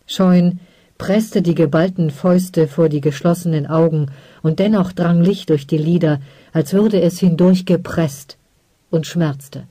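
An audiobook narrator reading a story in a measured, calm way. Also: mid-range voice, no room sound. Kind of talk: scripted narration.

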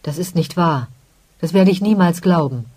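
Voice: medium pitch, moderate pace, dry recording, close to an everyday voice. A reader voicing a heartbroken, defiant young woman, the merchant's daughter. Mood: tearful defiant. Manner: pleading, tearful, then shouting.

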